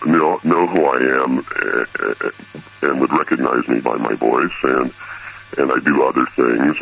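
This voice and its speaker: Man with a disguised, very deep voice. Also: creaky, sharp tone, breathy edge, poor audio. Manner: hesitant, stammering restarts. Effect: voice disguised, electronically lowered. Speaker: radio show guest. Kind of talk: radio interview.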